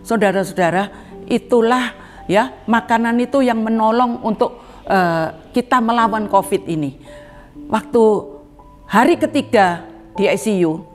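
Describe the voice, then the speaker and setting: An older woman speaks earnestly to a church congregation, her voice sitting a little high. Soft music plays faintly behind her as she tells her testimony, calling the listeners beloved brothers and sisters and acting out what people said to her. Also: unhurried. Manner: acts out quoted dialogue with rising pitch. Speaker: church member giving testimony. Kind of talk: spoken testimony in a church service.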